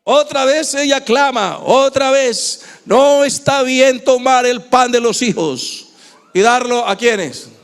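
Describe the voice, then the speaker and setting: A man with an Ecuadorian Spanish accent preaching a sermon in a church, swinging from shouting to hushed tones. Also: extremely high pitch, slow pace, clean tone. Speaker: pastor.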